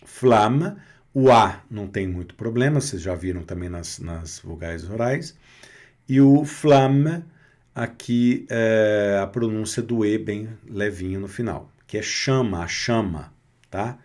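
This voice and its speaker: A Brazilian man teaching French pronunciation, slowly repeating each word and checking in with short tag questions. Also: lowish voice, animated, darkish tone. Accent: Brazilian Portuguese. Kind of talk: pronunciation lesson over slides.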